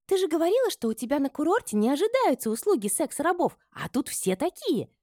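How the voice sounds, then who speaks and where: A woman voicing a bubbly, thrill-seeking young woman who chatters with giddy excitement. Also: sits high, brisk, no echo, clean studio sound, pitched above the performer's own voice. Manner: giddy, squealing.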